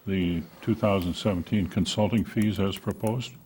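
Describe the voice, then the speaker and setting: A man chairs a small city council meeting, calling motions and votes. His voice sits low. He keeps things brisk and informal, with light jokes. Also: steady tone, a little mellow, slight background noise. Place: council chamber.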